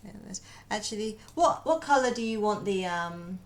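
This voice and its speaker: A woman's voice: medium pitch, animated, moderate pace. A woman streaming as she draws, chatting casually, muttering to herself and answering her chat.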